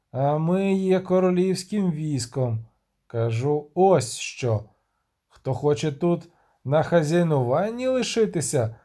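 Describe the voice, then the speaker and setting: A man's voice: a little high, warm tone. A man voicing a stern, authoritative male military commander who proclaims orders.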